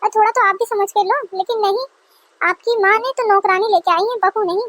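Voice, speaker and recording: A woman's voice: extremely high pitch, a little fast, fairly bright tone. A woman doing a defiant young wife. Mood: indignant. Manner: indignant, complaining.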